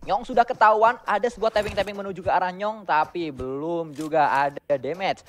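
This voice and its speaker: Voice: mid-range voice, brisk, slight background noise. An esports caster with an Indonesian accent giving live, detailed, urgent play-by-play of a game match.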